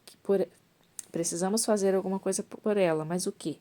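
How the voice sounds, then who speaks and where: A woman's voice: mid-range voice, fairly even intonation, moderate pace, mellow, close to an everyday voice. A woman voicing an elderly male prophet in a read-aloud Bible story, with small restarts and self-corrections. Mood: calm instruction.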